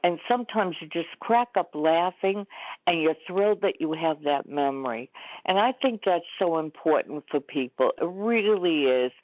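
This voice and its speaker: A woman's voice: lowish voice, animated, normal speed, dry recording, highs cut off. A woman in her seventies, a talk show guest telling stories in a chatty way. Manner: chatty, storytelling. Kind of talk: interview conversation. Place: Florida.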